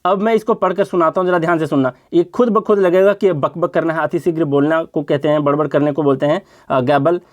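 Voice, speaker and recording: Male vocabulary tutor, higher-pitched voice, patient and repetitive, rhetorical questions. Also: fairly even intonation, fast, hardly any pauses. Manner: explains step by step, repeating words and asking rhetorical questions. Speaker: vocabulary teacher. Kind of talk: exam-prep vocabulary lesson.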